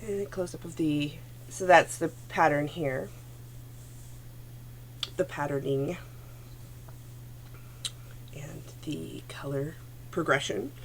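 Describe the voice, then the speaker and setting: A Canadian woman hosts a knitting podcast from a room at home, chatting into a computer camera at her desk. Her lowish, gravelly voice has a phlegmy throat and fairly even intonation, and she talks slowly with long pauses, rambling and correcting herself. The poor audio carries a faint hum underneath.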